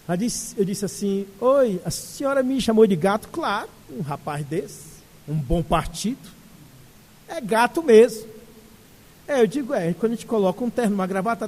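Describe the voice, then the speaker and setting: A man with a Brazilian Portuguese accent giving a spiritist lecture and telling a story with animated humor. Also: sits high. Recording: echoey hall.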